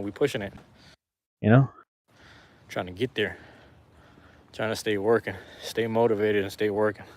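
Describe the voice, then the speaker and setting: A lowish, darkish male voice carries a casual live chat recorded on a phone camera outdoors in light rain. He talks to viewers in a relaxed, slangy, rambling manner and keeps repeating himself.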